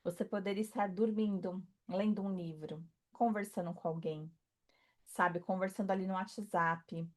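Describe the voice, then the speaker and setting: A woman speaking as a spiritual coach, talking softly and reassuringly to the listener, with many fillers and tag questions. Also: mid-range voice, steady tone, moderate pace. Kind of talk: intimate motivational talk to camera.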